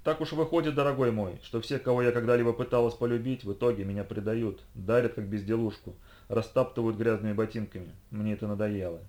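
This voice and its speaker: Male narrator as icy young woman interrogator, commanding, low pitched. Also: steady tone, fast talker, darkish tone, lightly acted. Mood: weary contempt.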